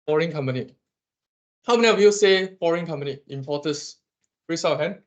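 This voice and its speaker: A Malaysian man lecturing his class on economics, animated and teasing as he quizzes students. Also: a little high, brisk, rough recording. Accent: Malaysian English.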